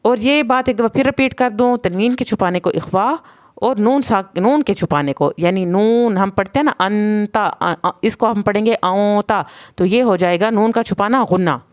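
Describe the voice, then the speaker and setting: In an online lesson, a woman with a mid-range voice teaches Quran recitation, patiently spelling out letter sounds and slowing down to model each one.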